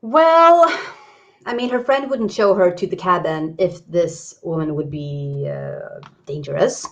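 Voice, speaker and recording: A woman taking part as a player in a tabletop game, speaking in a measured, thoughtful way. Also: on the low side, dull audio.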